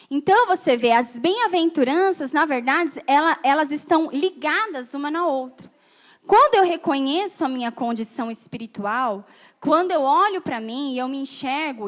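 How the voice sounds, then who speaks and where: A Brazilian woman pastor preaching a sermon, often asking the congregation questions. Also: high voice. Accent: Brazilian Portuguese.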